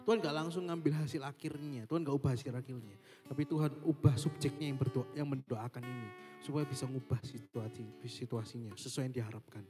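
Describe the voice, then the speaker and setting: A man's voice: medium pitch, fairly even intonation, brisk, warm tone. A young man, giving a casual devotional talk in a chatty way, often repeating a stock phrase and mixing in English. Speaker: youth devotional speaker. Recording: echoey hall with faint guitar.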